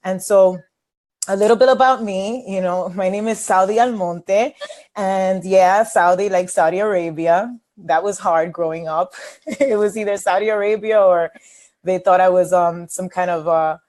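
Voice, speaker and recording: A woman's voice: medium pitch, steady tone, moderate pace, a little mellow. Candid, chatty New woman. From New York City. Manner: candid and chatty, many fillers. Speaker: webinar host and coach. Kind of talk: casual webinar talk.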